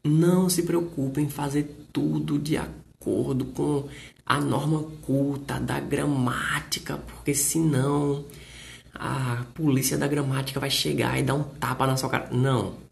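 Slow-talking Brazilian English teacher. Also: male voice, medium pitch, level tone, creaky. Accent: Brazilian Portuguese. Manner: slow, repetitive explaining with playful jokes. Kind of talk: live-streamed lesson, reading viewer comments. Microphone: live stream setup.

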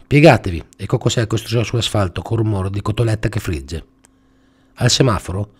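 A man hosting a show, reading a comic story aloud in a dry, even manner. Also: lowish voice, breathy edge. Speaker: storyteller host.

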